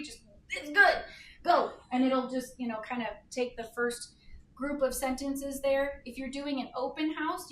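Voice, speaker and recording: A woman walking colleagues through a software tool in a casual, quick, enthusiastic way at an office meeting, heard from across the room. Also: high voice. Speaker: real estate staff presenter. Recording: echoey room, distant mic, faint noise.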